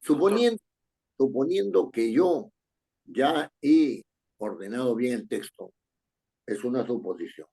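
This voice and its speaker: A man's voice: mid-range voice, animated, a little slow, creaky, pauses often, warm tone, slightly rough. A man teaching writing in an online class, explaining step by step and checking in with his students.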